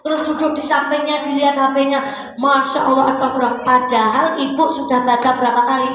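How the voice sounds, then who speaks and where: High-voiced woman preaching in an echoey hall. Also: fairly quick. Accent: Javanese. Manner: lively, acts out wife and husband voices. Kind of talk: sermon. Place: women's study gathering in a hall. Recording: very echoey hall, faint noise.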